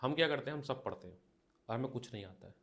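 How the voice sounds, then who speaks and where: A man's voice: medium pitch, animated, a bit bright. Male teacher dictating a lecture. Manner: dictates slowly, repeats phrases, coaches students directly. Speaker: physics teacher. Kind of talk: classroom lecture. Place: classroom.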